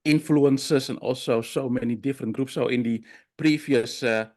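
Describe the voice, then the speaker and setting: Man, plain middle voice, halting seminar speaker on a video call. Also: mid-range voice, darkish tone. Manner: halting, many fillers and restarts. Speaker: discussion participant. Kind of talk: online seminar discussion.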